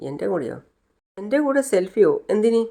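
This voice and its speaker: A narrator voicing an easygoing young boss. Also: male voice, sits high, moderate pace, vocal fry, voice pushed up, full character voice. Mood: teasing. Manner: relaxed, teasing, chuckling. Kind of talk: retelling a TV serial scene.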